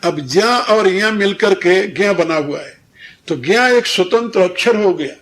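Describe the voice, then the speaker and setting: Slow, high-voiced teacher, lecturing. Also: male voice, fairly bright tone. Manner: slow, didactic, repeats and drills words, chuckles. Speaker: spiritual teacher. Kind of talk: devotional discourse on Sanskrit pronunciation.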